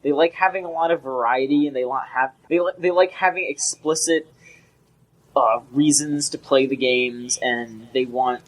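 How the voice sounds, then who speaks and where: A young adult man co-hosts a casual gaming podcast, speaking in a medium pitch at a moderate pace. He rambles and often restarts his sentences, and the recording is rough.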